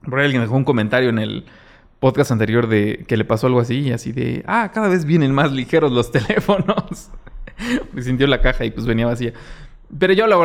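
A young man with a Mexican accent hosting a podcast, telling a story in a casual way and acting out what people said. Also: fairly high pitch. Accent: Mexican Spanish. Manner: animated, acts out quoted exchanges, many fillers. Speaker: podcast host.

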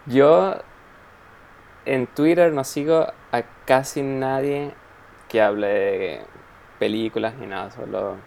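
A man's voice: medium pitch, slow pace, gravelly, pauses often, darkish tone. A young man in casual chat, telling an anecdote animatedly and acting out his own reactions.

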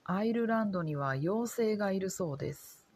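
A woman from Japan, a Japanese teacher, giving a slow scripted lesson in careful, simple sentences for learners. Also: mid-range voice, lively intonation, a little mellow, slightly rough.

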